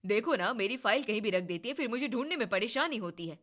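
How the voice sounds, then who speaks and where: A woman voicing a teasing young husband who scolds his wife, in a low, mock-sulky put-on voice. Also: expressive, fast talker, fairly bright tone. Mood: scolding.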